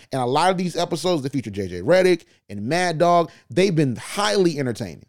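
A man hosting his own podcast, talking in a loose, animated way full of slang and asides. His voice sits a little higher than most men's, and he keeps it conversational and opinionated. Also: dry recording, clean studio sound. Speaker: podcast host. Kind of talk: casual opinion commentary.

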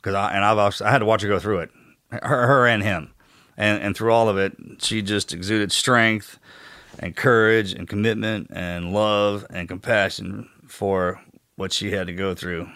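A man speaking an earnest, halting tribute to a friend. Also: fairly low pitch, fairly even intonation, fairly bright tone, dry recording, studio quality. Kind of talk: casual tribute.

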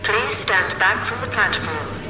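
Station announcer: female, serious, measured, official, echoing tannoy, far from the mic. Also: medium pitch, lively intonation. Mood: official, calm. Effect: station loudspeaker. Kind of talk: formal public address announcement. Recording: distant, echoing station tannoy over music.

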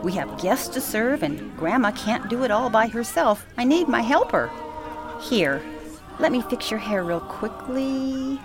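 Over music, a woman plays a loving, bustling grandmother in a sentimental radio play. Her voice is on the high side and unhurried, and she is expressive, chatty and affectionately teasing.

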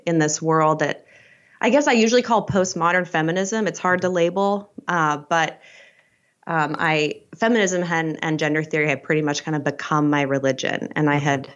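A woman in her forties from Idaho, a professor giving measured, thoughtful interview answers. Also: low voice, highs cut off. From Idaho, USA. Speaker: guest, professor and dean.

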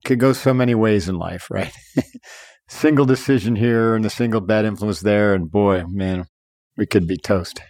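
A man's voice: lowish voice, moderate pace, darkish tone, dry recording, studio quality. A middle-aged man hosting an interview in an enthusiastic, chatty way, with plenty of loose fillers. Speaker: podcast host. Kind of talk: casual interview chat.

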